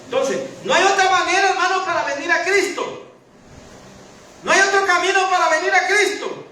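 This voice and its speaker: A man preaching in a church hall with a high, bright, ringing voice. He presses his points with rhetorical questions. The recording is heavily echoey and picked up from afar. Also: normal speed, far from the mic, slight background noise. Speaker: pastor. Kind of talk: sermon.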